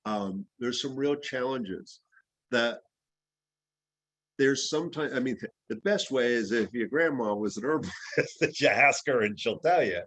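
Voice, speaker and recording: A man's voice: mid-range voice, expressive, a little slow, a bit bright, no echo, rough recording. A man who grew up in the Bahamas, teaching an herbalism class in a loose, rambling, anecdotal way with plenty of fillers. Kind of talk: casual class discussion.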